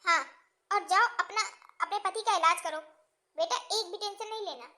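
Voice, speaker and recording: A woman voicing a doting, generous middle-aged mother in a cartoon, loud and quick to reassure, in a high sped-up cartoon voice. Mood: reassuring. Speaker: cartoon character.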